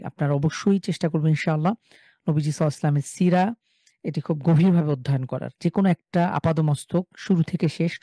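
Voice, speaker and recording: A man from Bangladesh teaching a live online class on reading the Quran. He explains in a relaxed way with many fillers and chants example syllables slowly. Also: fairly high pitch, no echo.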